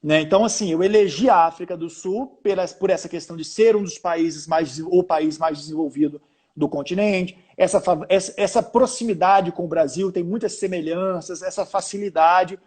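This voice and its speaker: A man's voice: high voice, normal speed, a little mellow, slightly rough. A Brazilian man with a Brazilian Portuguese accent, a journalist guest chatting over a video call, telling stories with many restarts and fillers. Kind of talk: casual interview chat.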